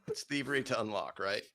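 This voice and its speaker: Very low, bright woman player.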